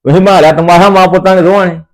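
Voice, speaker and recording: A man's voice: sits high, fairly even intonation, very fast. A man playing an older father-in-law in a family comedy skit, who rants, repeats himself and threatens his son. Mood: ranting. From Punjab, India. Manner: ranting, repetitive, threatening.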